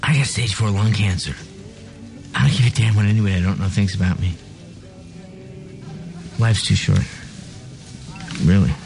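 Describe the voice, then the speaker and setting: Blunt dying rich guy, Boston edge, gravelly and quiet, music behind. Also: lowish voice, normal speed, pauses often. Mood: defiant. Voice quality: soft-spoken, hard to hear. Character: dying rich businessman, blunt, defiant man. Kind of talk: TV drama dialogue. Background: bar sounds and music.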